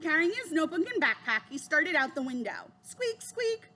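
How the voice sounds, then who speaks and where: A woman reading a children's chapter book aloud, giving the children's lines a higher voice. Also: sing-song, fairly quick. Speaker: reader.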